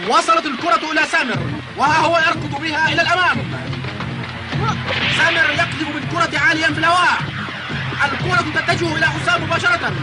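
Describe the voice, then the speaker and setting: A cartoon football commentator with a very high, fast delivery. He calls the play urgently and suspensefully, piling up dramatic questions over loud music. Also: steady tone, over a noisy crowd, poor audio. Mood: excited. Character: excited male football match commentator.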